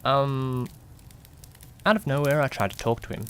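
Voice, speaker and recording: A man in the mid range, with a steady, slightly bright tone and an everyday-sounding voice, talks at normal speed over a little hiss or hum. In an amateur mystery audio drama he plays a jittery, curious young companion to a detective, narrating in first person. Suspense and questioning asides give it a suspenseful, curious mood.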